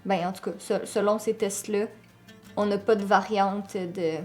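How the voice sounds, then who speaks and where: A woman's voice: medium pitch, steady tone, unhurried, darkish tone, faint music behind. A young woman from Quebec with a Québécois French accent, chatting casually as a vlog co-host and slipping in English words. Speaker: vlogger co-host. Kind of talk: casual chat.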